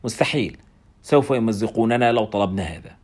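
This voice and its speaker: A stern colony director who lays down the rules in short, firm sentences, as a male narrator reads him. The voice sits low but moves a lot, and the lines come out quickly. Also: lively intonation, a little mellow, slightly rough. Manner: firm, curt pronouncements.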